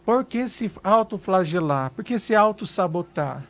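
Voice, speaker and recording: A Brazilian man with a notably high-pitched voice speaks as a psychologist guest in a radio studio. He advises earnestly, leaning on rhetorical questions to press his points. His pace is conversational. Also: expressive, normal speed. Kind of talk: radio interview advice.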